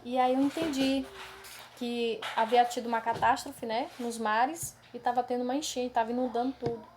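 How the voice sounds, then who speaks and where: Earnest, higher-voiced woman preacher. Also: steady tone, moderate pace, darkish tone, slight background noise. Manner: earnest and emotional, addresses listeners as brothers; tags many phrases with a questioning aside. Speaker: preacher giving a testimony. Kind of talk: testimony of a dream vision.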